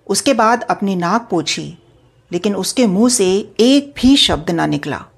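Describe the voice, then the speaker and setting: Podcast storyteller: woman, very slow deliberate reading, medium pitch. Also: animated, gravelly, husky. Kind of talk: scripted story narration.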